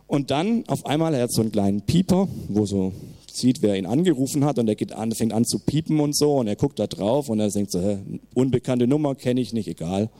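A man preaching a sermon as pastor, speaking in a lively, emphatic way. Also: mid-range voice, a little fast. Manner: lively, emphatic, laughs between points.

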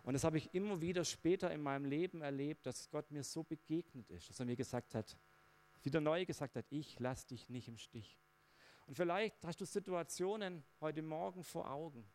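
A man's voice: a little high, a little fast, a little mellow. A man preaching a personal testimony sermon, talking in a conversational, reflective way with frequent fillers.

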